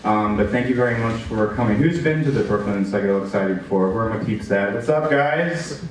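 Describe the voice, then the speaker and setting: An upbeat, chatty man hosts a live event, with plenty of ums and uhs. He sounds far from the mic in a very echoey room, with clear noise behind him. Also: on the low side, steady tone, fast talker. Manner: upbeat, chatty, many fillers. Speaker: event host and moderator. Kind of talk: casual live event introduction.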